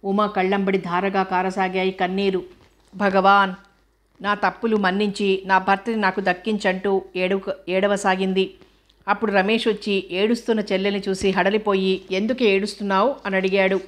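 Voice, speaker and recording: A woman narrating a novel in a steady, even reading voice. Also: medium pitch, moderate pace. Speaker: audiobook narrator.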